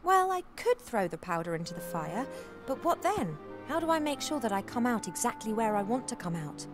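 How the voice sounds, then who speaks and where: High, expressive elf princess. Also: female voice, fairly quick, over music. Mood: concerned. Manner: expressive, articulate. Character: young, plucky, polite female elf princess. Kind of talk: video game character acting.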